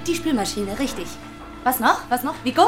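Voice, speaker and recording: An actress playing a brisk, encouraging schoolteacher questioning her class. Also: fairly high pitch, expressive, music in the background, lightly acted.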